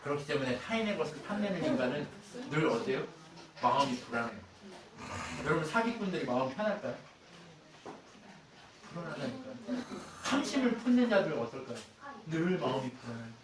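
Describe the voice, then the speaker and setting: Male pastor, high voice, animated sermon full of rhetorical questions; very echoey hall, mic set back. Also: a little fast, pauses often, recorded from a distance, a crowd in the background. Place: church sanctuary.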